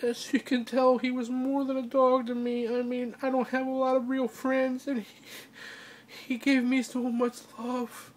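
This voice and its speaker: A woman crying as she speaks in a personal video diary, halting and breaking off to restart her sentences. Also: high voice, little pitch movement, slight background noise. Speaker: vlogger.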